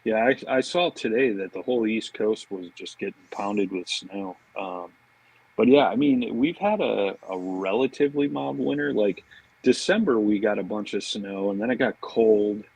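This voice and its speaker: A fishing marketing director, appearing as a podcast guest, chats casually and spins informal stories, sprinkling in "man" and "you know." His voice is on the low side, gravelly, husky and a little mellow, at a normal speed. The recording is rough.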